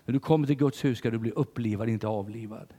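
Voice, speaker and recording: An older man preaching a sermon in church, telling stories with big swings between loud and hushed delivery. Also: medium pitch, big-room sound.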